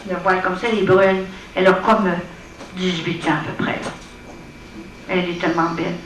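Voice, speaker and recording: A woman's voice: lowish voice, little pitch movement, brisk. A woman with a Quebec French accent giving an earnest, plain-spoken personal testimony to an audience at a prayer evening. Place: hall at an evening gathering. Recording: echoey room, voice from far off, faint hiss.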